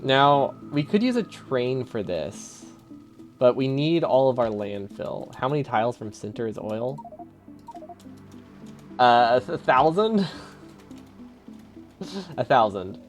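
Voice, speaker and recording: A man's voice: mid-range voice, lively intonation, a little slow, long pauses, soft background music. A man streaming a video game live, thinking aloud, chuckling often and answering his chat in a casual, easily amused way.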